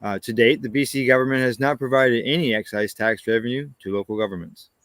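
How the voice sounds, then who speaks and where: A Canadian man co-hosts a news show, reading cannabis news stories in a plain, steady manner and tossing in short, casual agreeing asides. He talks fast at a medium pitch, recorded with studio quality and no room sound.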